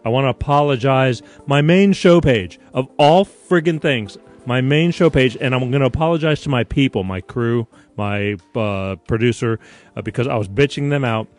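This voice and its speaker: A man's voice: mid-range voice, normal speed, faint music behind. A man from Connecticut hosting a live-streamed talk show, rambling from one point to the next with casual swearing. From Connecticut, USA. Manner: rambling, digressive, with frequent restarts and casual swearing.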